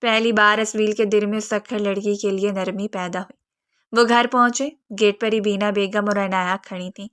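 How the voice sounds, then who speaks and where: A woman narrating a romance novel in steady, even scripted storytelling. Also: mid-range voice.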